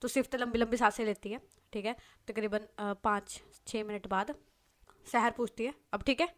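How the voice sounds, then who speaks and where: A woman's voice: fairly high pitch, fairly even intonation, moderate pace. A woman narrating a romance story in a casual, chatty way, with many fillers.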